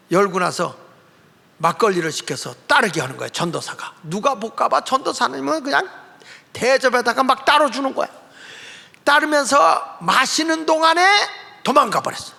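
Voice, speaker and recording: A male pastor telling a story in a sermon, animated and acting out the characters' voices. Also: sits high, creaky, long reverb tail. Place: church sanctuary.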